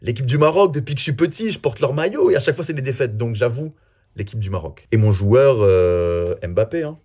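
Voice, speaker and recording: A man's voice: mid-range voice, expressive, fairly quick, warm tone, breathy edge. A man from France answering viewer questions in a casual, chatty and self-mocking way. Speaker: comedy video creator. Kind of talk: casual Q&A vlog.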